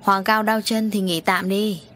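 A woman voicing a stern middle-aged man who runs a harbor crew, gruff and scolding, read as part of an audio story. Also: mid-range voice, fairly even intonation, a little slow, fairly bright tone, faint music behind, natural voice.

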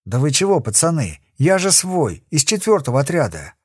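A man's voice: fairly high pitch, wildly swooping pitch, moderate pace, breathy edge, no echo, clean studio sound, heavily acted. A man voicing a frightened young male convict who begs and whines for mercy in an audiobook. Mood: pleading. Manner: pleading, whining.

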